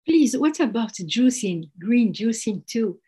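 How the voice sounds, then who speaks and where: A woman's voice: a little high, big pitch swings, takes it slowly, dark tone, slightly rough. A woman in the audience politely asking a doctor a question. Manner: polite and formal.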